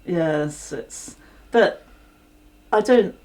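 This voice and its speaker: A woman's voice: on the low side, very slow, a little mellow. A middle-aged woman in a casual interview about her home and neighbourhood, plain-spoken and chatty with lots of "you know". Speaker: interviewee, resident.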